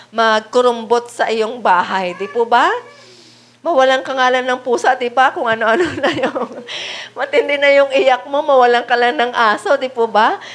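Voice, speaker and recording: A woman with a high voice preaching a sermon to her congregation. She keeps turning to the listeners with rhetorical questions and switches into English when she reads the Bible verses aloud. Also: a bit bright.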